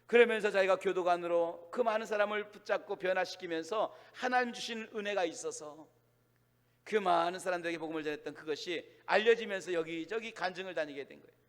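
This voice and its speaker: A man's voice: high voice, brisk, a bit bright. A male pastor from the Chungcheong region, with a Chungcheong accent, preaching a sermon in a storytelling style with emphatic, rising declarations. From Chungcheong, Korea. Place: church sanctuary. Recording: long church hall reverb.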